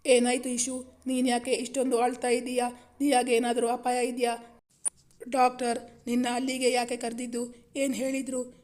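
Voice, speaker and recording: A woman's voice: fairly high pitch, level tone, a little slow, lightly acted. A woman voicing a worried middle-aged mother who asks anxious questions.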